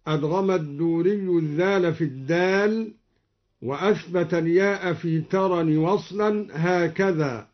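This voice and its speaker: High-voiced man chanting slowly, lo-fi radio. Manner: slow, measured, melodic chanting. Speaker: Quran reciter. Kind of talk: Quran recitation with spoken notes on variant readings. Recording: dull lo-fi old radio recording.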